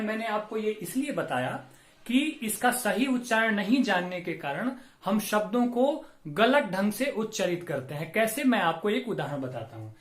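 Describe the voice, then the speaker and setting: A middle-aged man, a Hindi professor, giving a classroom-style lecture on pronunciation, spelling out each sound slowly and carefully. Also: high-pitched, a bit bright, reverberant. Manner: slow, deliberate, drawn-out enunciation of sounds. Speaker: Hindi professor teaching grammar.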